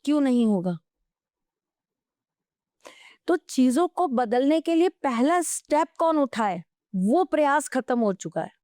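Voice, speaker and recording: Clear-voiced woman telling stories on a podcast. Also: high voice, moderate pace, no echo, studio quality. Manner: animated storytelling, anecdotes from her own life; advising, earnest. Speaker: astrologer, podcast guest. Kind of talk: podcast interview.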